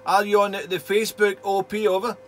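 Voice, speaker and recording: Male radio operator, friendly and chatty with radio procedure talk, slightly high pitch, light static hum. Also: flat delivery, fairly quick, a bit bright. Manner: friendly, chatty, uses call signs and radio jargon. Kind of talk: casual two-way radio contact chat. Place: indoor home radio shack.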